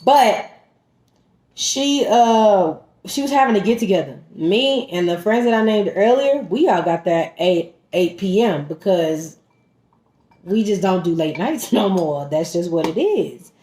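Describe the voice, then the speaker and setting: A woman vlogger telling a story in casual chat, animated and emphatic, talking straight to her viewers as "y'all" while eating at home. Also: medium pitch, a little slow. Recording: roomy echoey room.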